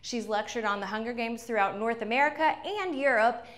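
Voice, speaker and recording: A woman's voice: on the high side, a little fast, a bit bright. A young adult woman hosting a fan trivia game show with upbeat enthusiasm. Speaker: host.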